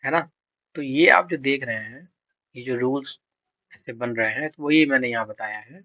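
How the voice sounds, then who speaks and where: A man's voice: medium pitch, moderate pace, bright, forceful tone, no room sound, poor audio. A man teaching English grammar for exam prep. He quizzes students, answers his own questions and spells out words letter by letter.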